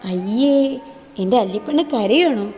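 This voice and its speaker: A woman's voice: on the high side, expressive, normal speed, darkish tone, faint music behind, natural voice. A woman reading as a motherly older teacher. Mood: soothing. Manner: soothing, affectionate. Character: motherly woman teacher over forty-five, warm. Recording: long reverb.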